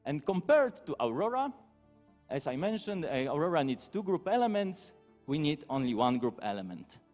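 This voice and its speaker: A man giving a technical conference talk, somewhat hesitant as he moves through it briskly. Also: fairly high pitch, very animated, darkish tone. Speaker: conference speaker. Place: conference stage in a hall. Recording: hall reverb with music.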